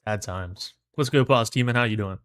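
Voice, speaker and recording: A man's voice: lowish voice, moderate pace, fairly bright tone, no echo, clean studio sound. A man livestreaming in casual, slangy, laid-back chat, his mouth numb from the dentist. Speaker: livestream host.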